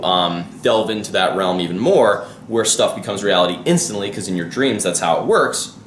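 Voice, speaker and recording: A man's voice: on the low side, fairly bright tone, roomy sound, slight background noise. A man vlogging his musings in a casual, rambling way, often losing his thread, restarting and swearing casually. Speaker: vlogger and life coach. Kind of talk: casual spoken musing to camera.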